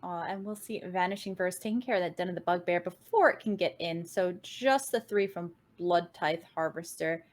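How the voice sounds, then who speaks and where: A woman casting a card game match, giving play-by-play commentary with an upbeat manner and quick swings in pitch and tempo. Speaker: game caster.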